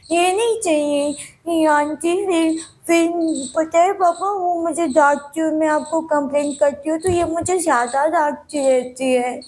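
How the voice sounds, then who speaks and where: A little girl pleads with her father for her missing mother in a dramatic monologue, played by a woman at an audition. Her voice sits high and she talks slowly, repeating herself like a child. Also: a little mellow. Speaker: actress auditioning.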